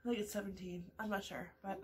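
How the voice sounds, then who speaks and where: With a breathy edge to her medium-pitched voice and a moderate pace, a Canadian vlogger in her thirties rambles casually to her webcam. She's having morning coffee in a small home room, and her talk is full of fillers and restarts.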